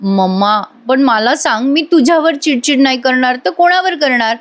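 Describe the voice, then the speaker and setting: An apologetic yet headstrong young woman making up with her mother, voiced by a woman in a high pitch. She pleads softly but holds her ground, acted in a review of a TV serial. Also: animated, normal speed.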